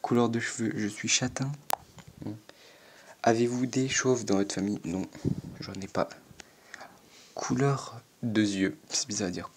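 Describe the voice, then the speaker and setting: A man's voice: fairly low pitch, steady tone, unhurried, long pauses, a little hiss or hum. A fourteen-year-old boy reading quiz questions aloud and answering them, hesitant and self-mocking, with lots of stammering and fillers. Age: teenager, 14. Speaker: YouTuber answering an online quiz.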